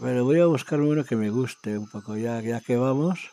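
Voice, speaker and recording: A man giving casual, excitable commentary as he plays a game, talking to himself and his viewers. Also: medium pitch, moderate pace. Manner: talks to himself and viewers while exploring, excitable. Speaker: gaming video creator.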